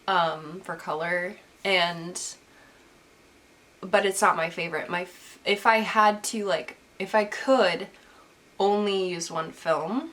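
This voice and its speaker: Recovering from an illness, a young woman with a stuffy, lowish, fairly bright voice speaks slowly as she answers viewers' photography questions in a casual vlog. She rambles, saying "like" a lot and restarting sentences, all picked up by the camera's built-in mic.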